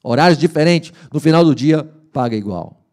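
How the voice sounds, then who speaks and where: A pastor preaching to his congregation. He talks in a lively, colloquial way and slips into the voices of the people in his story, his pitch rising and dropping sharply. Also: moderate pace. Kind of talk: sermon. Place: church hall.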